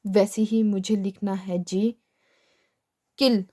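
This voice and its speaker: A young woman explains shorthand slowly and patiently, her mid-range voice dark in tone and barely moving in pitch. She poses questions to herself, answers them, and says "ठीक है" again and again.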